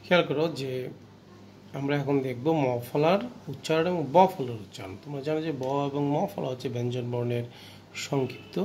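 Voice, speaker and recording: A man's voice: medium pitch, darkish tone, slight background noise. A male teacher with a Bangladeshi Bengali accent, going through a grammar lesson, stressing rules and asking students questions. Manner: explains slowly, repeats rules, asks the class questions.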